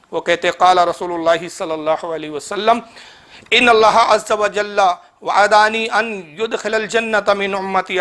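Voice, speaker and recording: Man, high-pitched voice, polemical sermon, reproachful, chants Arabic verses. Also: a bit bright. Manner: reproachful, addresses opponent directly. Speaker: Islamic cleric. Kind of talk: polemical religious lecture.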